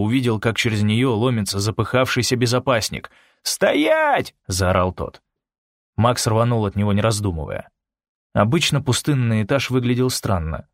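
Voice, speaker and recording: A man narrating a story in a steady, expressive audiobook reading. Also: on the low side, no room sound, clean studio sound. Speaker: audiobook reader.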